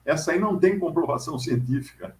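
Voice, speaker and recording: A man playing a freshly trained young pastor who lectures in a lower, pedantic, dismissive tone. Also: animated, fast talker, slight background noise, lightly acted. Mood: condescending. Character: young know-it-all male pastor, lecturing. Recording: roomy echo.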